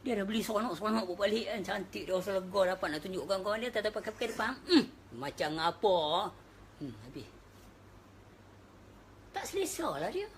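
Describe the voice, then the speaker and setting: A woman's voice: mid-range voice, animated, a little fast, slight background noise. Chatty woman with a northern Malaysian accent. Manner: chatty, mixes in English words. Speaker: religious speaker. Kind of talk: casual religious talk.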